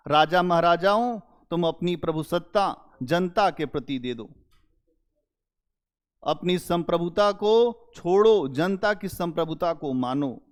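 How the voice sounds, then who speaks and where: Male history lecturer, fairly high voice, deliberate and emphatic, repeats key points. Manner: rhetorical questions to students. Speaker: history teacher. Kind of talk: exam-prep history lecture.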